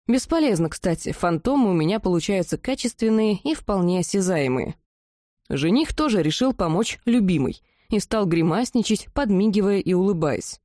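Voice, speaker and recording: A woman reading a first-person fantasy audiobook, telling the story in a lively, expressive way. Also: medium pitch, moderate pace, no room sound, clean studio sound. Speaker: audiobook narrator.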